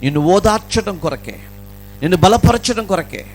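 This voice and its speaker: A male pastor preaches at an evening gospel meeting, his voice pitched unusually high. He builds his sermon from repeated, rhythmic phrases and delivers it with fervor. A faint electrical hum runs underneath. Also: animated, moderate pace. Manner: impassioned preaching with rhythmic repetition.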